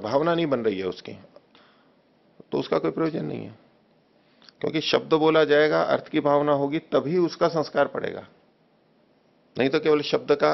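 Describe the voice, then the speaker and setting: A man with a gravelly, creaky voice lectures on scripture, explaining patiently and challenging his student with sharp questions. The recording sounds dull and lo-fi. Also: mid-range voice. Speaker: teacher of scripture. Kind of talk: spoken lecture on philosophy.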